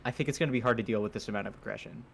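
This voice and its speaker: A man's voice: lowish voice, very fast, creaky, a bit bright. A man co-casting an esports match in a casual way, often starting with ums and uhs. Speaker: esports co-caster. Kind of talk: casual game commentary.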